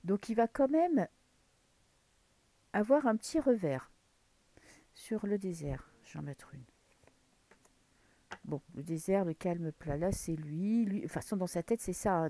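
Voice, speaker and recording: French woman reading tarot cards, mellow voice, dry close sound, talks to herself and whispers now and then. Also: medium pitch, dry recording. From France. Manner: muses aloud while drawing cards, drops into whispers. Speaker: tarot card reader. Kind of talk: casual tarot reading to camera.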